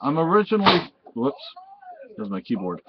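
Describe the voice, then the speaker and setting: A man's voice: on the high side, big pitch swings, moderate pace, slightly rough, highs cut off. A Spanish-born man with Spanish as his first language, hosting a home vlog in a rambling, meandering way that keeps correcting itself. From Spain. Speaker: vlog host. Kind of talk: casual rambling chat to camera.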